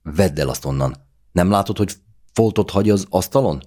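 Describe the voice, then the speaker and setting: A man reading aloud who voices a bitter, sharp-tongued young woman, snapping and accusing in a raised voice. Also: sits low, voice pushed up, close to an everyday voice. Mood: bitter, angry.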